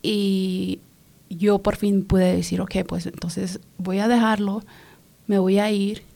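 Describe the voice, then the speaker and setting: A woman from Los Angeles giving her personal testimony in an interview, speaking haltingly, repeating words and slipping in English phrases. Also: medium pitch, flat delivery, vocal fry, mellow. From Los Angeles, California.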